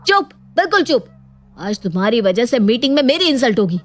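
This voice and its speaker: A woman's voice: fairly high pitch, animated, fast talker, a little mellow. A woman voicing a short-tempered young married man in a cartoon story, irritable and complaining. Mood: angry.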